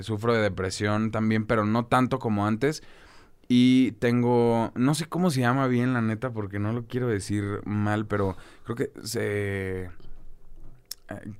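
Young Mexican male guest, low smooth voice, candid slangy storyteller. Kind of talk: casual conversational interview.

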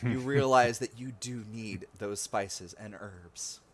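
A man's voice: lowish voice, slow pace. A man narrating as game master of a tabletop role-playing game, casual and full of fillers. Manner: casual, filler-heavy narration with many likes and ums.

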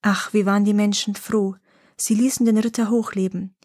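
Husky-voiced woman reading a legend. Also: medium pitch, fairly even intonation, normal speed, a little mellow, no room sound, clean studio sound. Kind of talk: scripted fairy-tale narration.

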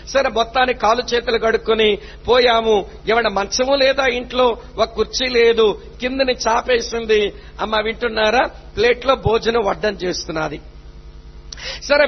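A man's voice: very high voice, breathy edge, highs cut off. A man preaching a sermon, retelling a story with acted dialogue and often asking the listeners whether they follow.

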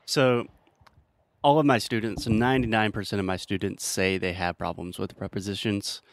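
Guy teaching english on a podcast, jokey and patient, lowish voice, dry close mic. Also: fairly even intonation, normal speed, no room sound. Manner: playful, teasing, explains patiently with examples. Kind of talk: casual teaching chat.

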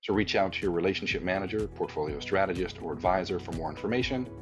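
A man hosts a podcast with a deep voice that has some husk to it. His scripted delivery is quick, with faint music underneath. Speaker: podcast host.

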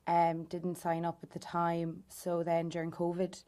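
A woman's voice: fairly low pitch, monotone, measured pace, mellow. A woman in her twenties with an Irish accent, answering conversationally as an interview guest. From County Louth, Ireland. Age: 20s. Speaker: interview guest, youth political group member.

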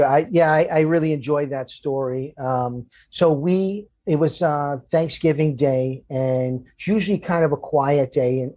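A man who works as a firefighter recounts a call in a halting, earnest way, often restarting his sentences. His voice sits at an ordinary middle pitch for a man, and he talks it through in a conversational manner. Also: dark tone, dull audio. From Florida. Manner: halting, many restarts, gets emotional. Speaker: firefighter guest. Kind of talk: storytelling in conversation.

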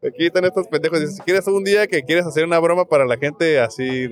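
A man's voice: on the high side, fast, faint music behind. A man with a Mexican accent co-hosting a street interview, chiming in with short slangy reactions. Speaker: podcast co-host. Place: outdoors on a street.

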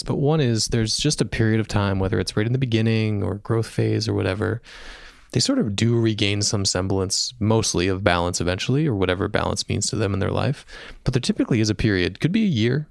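Gravelly-voiced male podcast host. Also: fairly low pitch, fairly quick, dry recording, studio quality. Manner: thoughtful, summarizing guests' patterns. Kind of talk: interview questions and reflections.

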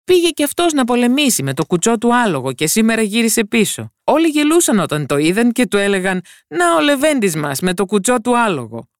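Woman playing a fairy-tale gardener, chatty, amused, high voice, dry sound. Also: very animated, no echo. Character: cheerful middle-aged male royal gardener.

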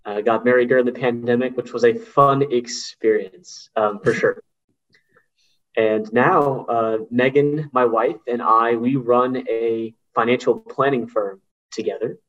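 A young man introducing himself on a podcast in an easygoing, modest way, pausing on small fillers. His voice sits in a middle range, and the recording sounds dull and lo-fi. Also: medium pitch. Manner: relaxed and modest, with hesitant fillers. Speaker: podcast co-host. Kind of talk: casual self-introduction.

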